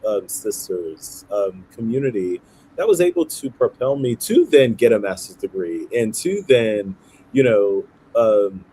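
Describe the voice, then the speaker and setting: A man's voice: medium pitch, dark tone, slight background noise, rough recording. A man in his thirties, originally from Haiti and raised in Brooklyn, explaining himself earnestly as an interview guest and often checking in with "right?". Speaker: guest, nonprofit founder. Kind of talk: conversational interview.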